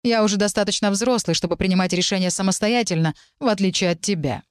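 A woman voicing a young male necromancer who speaks low, restrained and cutting. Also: quick pace, dry recording, studio quality, lightly acted. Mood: restrained, cold. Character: tense young male necromancer, cool and defiant.

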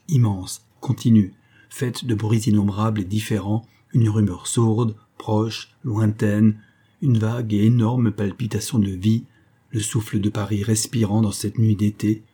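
A man narrates an audiobook with a low, dark voice. There is a husky grain to it. His reading is measured and literary, with the steady phrasing of a set text. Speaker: audiobook reader. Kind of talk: scripted narration.

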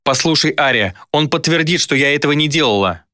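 A man's voice: mid-range voice, normal speed, pushed and bright, slightly rough, dry recording, studio quality, pitched above the performer's own voice. A man voicing a desperate female demon who fiercely protects a child, pleading and pained.

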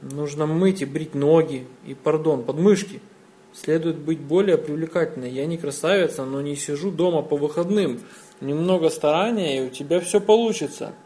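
A man's voice: fairly high pitch, normal speed, dark tone, lightly acted. A man voicing a frank teenage schoolgirl handing out blunt advice in an audiobook reading. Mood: bossy. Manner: lecturing, matter-of-fact.

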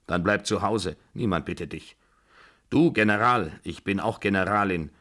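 A man's voice: low-pitched, moderate pace. A man reading aloud and voicing a domineering 75-year-old grandmother who scolds and gives orders. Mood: commanding. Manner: bossy, scolding, loud and commanding. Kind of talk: radio drama reading.

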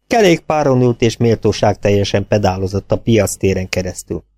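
A man reading an audiobook as narrator, in an expressive storytelling way. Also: lowish voice, dry recording. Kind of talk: scripted narration.

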